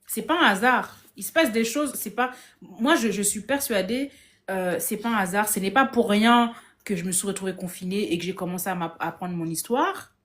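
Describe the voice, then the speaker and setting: A woman talking casually into her phone on a live stream. She tells her story with animated energy, often stumbling and restarting mid-sentence. Her pitch sits in the middle of the usual range and sounds natural. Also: moderate pace. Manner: lively anecdotal telling, acts out others' lines, frequent restarts. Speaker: guest on a live discussion.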